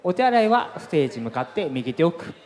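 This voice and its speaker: A man's voice: fairly high pitch, sing-song, a little fast, a little mellow, roomy sound. A man giving formal, courteous announcements to guests at a crowded event venue. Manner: formal, courteous customer-service phrasing.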